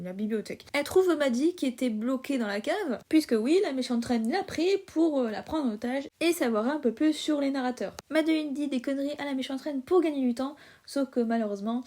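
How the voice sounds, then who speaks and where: A woman's voice: high voice, warm tone. A woman YouTuber casually recapping a story in a chatty, slangy way, with swearing. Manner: chatty, slangy, swears and laughs while retelling.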